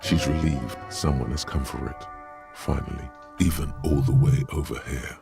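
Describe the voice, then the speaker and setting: A man's voice: a bass voice, steady tone, creaky. A man voicing the omniscient narrator of a video game, delivering scripted narration in a grave, brooding way. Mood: ominous. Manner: grave, ominous, deliberate. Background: game music.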